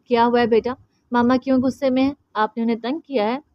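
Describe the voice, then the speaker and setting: A woman voicing a doting young uncle who speaks gently and coaxingly to his nephew. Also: on the high side, fairly even intonation, quick pace, dry recording, lo-fi sound, natural voice. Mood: fond.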